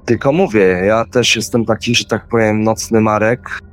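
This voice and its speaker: Low-voiced man rambling through a story. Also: steady tone, moderate pace, soft background music. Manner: rambling, acts out his own quoted words. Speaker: guest telling a personal experience. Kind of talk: casual spoken storytelling.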